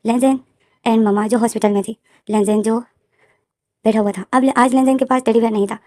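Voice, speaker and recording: Fast-talking woman retelling a story. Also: a little high, fairly even intonation, warm tone, no echo, studio quality. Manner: rapid run-on retelling with fillers. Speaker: fanfiction storyteller. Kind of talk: storytelling narration.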